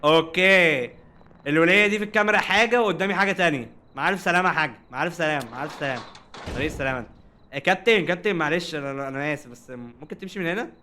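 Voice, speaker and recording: Lively Egyptian gamer man, fast and bright. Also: on the high side, a little hiss or hum. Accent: Egyptian Arabic. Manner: animated, jokey, talks to game characters. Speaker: gaming streamer. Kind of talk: casual let's-play commentary.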